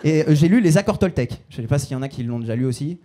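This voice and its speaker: Young man doing quick stand-up. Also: fairly high pitch, expressive, mellow, slight background noise. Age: 20s. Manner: casual slangy self-mocking delivery. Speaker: stand-up comedian. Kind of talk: stand-up comedy set. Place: stage before a live audience.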